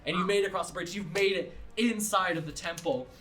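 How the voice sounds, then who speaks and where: A man narrating as game master of a tabletop game in a casual, animated way. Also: high-pitched, quick pace, faint music behind. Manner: casual, animated, swears and laughs while narrating.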